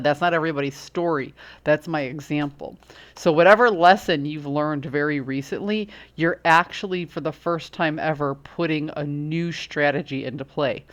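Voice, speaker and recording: A woman giving a casual tarot reading who chats and explains her points through everyday examples. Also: low voice. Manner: acts out quoted reactions. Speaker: tarot reader.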